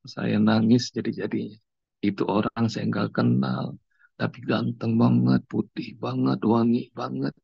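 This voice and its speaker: A man preaching a sermon, telling personal stories in a relaxed conversational way. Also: medium pitch, vocal fry, husky, no room sound. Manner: conversational, anecdotal, unhurried. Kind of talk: storytelling sermon. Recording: dull lo-fi recording.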